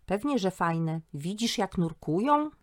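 A woman's voice: medium pitch, animated, a little slow, close to an everyday voice. A woman voicing an elderly grandfather who patiently and stubbornly explains things to his grandson in a storybook reading. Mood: explaining.

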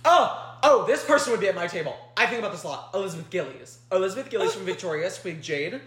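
A woman's voice: medium pitch, expressive, fast. A young woman from New Orleans who speaks with a New York accent, co-hosting a podcast in casual chat, talking in a chatty way with many fillers. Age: young adult. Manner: chatty, heavy use of "like". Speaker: podcast co-host. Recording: roomy echoey room.

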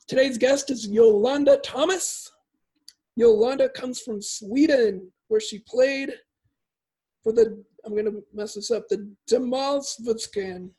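A soccer podcast host introduces his guest and asks questions in an upbeat, friendly manner, joking at himself about mispronouncing things. His voice is very high-pitched, slow, dark, and breathy, on a rough recording.

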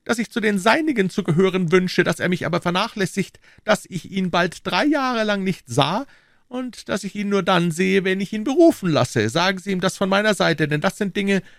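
A man voicing an excitable young king in a high, fussy, scolding voice, reading a story aloud. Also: gravelly, dry recording, studio quality. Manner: shrill, fussy, quick to scold. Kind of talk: audiobook character voice.

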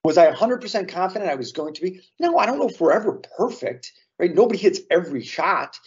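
A man's voice: high-pitched, animated, fast, slightly rough, lo-fi sound. A man co-hosting a casual podcast, talking earnestly and drawing lessons from sports memories. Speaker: podcast co-host.

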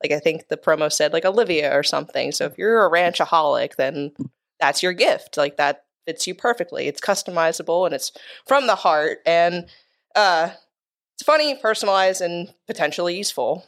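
A woman co-hosting a podcast, talking in a relaxed, easygoing way. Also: fairly low pitch, moderate pace. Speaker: podcast co-host. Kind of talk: casual chat.

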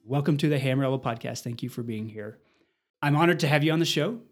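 A man's voice: mid-range voice, fast. A man hosting an interview podcast, asking questions in a friendly, conversational way. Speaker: podcast host. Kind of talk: casual interview.

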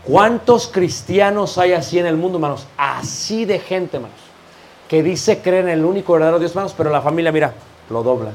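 Brief: male preacher, high voice, animated sermon with rhetorical questions. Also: fairly quick. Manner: lively preaching, rhetorical questions, addresses "hermanos".

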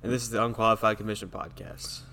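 A man's voice: lowish voice, flat delivery, fast, pushed and bright, slight background noise. Laid-back guy cohosting a church podcast, sanctuary echo all around him. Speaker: podcast co-host.

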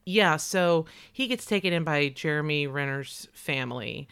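A young woman co-hosting a podcast, chatting casually and candidly about a movie, animated, swearing and laughing often. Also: sits low, normal speed, clean tone. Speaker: podcast co-host. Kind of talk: casual movie review chat.

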